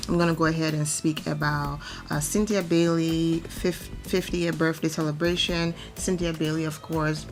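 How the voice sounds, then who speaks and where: A celebrity gossip vlogger from Atlanta, Georgia, speaks in a low, deep, crackly voice, hoarse and nearly gone from allergies. She rambles chattily through her gossip commentary, with lots of ums and other fillers.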